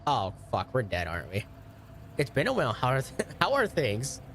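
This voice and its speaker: A male streamer reacting loudly to a video game, excitable, swearing often and laughing between lines. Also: medium pitch, moderate pace, a little hiss or hum. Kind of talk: live gameplay commentary.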